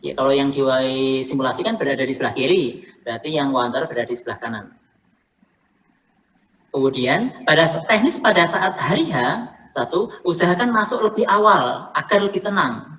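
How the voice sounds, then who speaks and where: A woman's voice: deep voice, lively intonation, brisk, a bit bright. A woman coaching teachers for selection interviews, explaining in a casual way and repeating her key points. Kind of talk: online coaching session talk. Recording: faint noise, somewhat distant from the mic.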